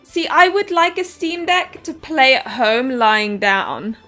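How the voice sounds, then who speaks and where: Speaking slowly in a high, sing-song voice that sounds bright and forceful, a southern English woman chats casually over a game stream. She reads the on-screen text aloud, often laughing and fumbling names. Game music is faintly audible.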